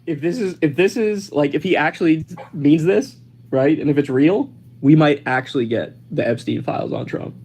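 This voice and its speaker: Animated, blunt political talk host. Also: mid-range voice, moderate pace, slightly rough. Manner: blunt, profane, incredulous. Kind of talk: casual political chat.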